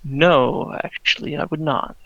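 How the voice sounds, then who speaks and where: A vengeful game adventurer played by a man speaks with stern, deliberate resolve. The voice is slightly high and bright, recorded very dry, with a confrontational edge. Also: dry recording, highs cut off. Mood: firm.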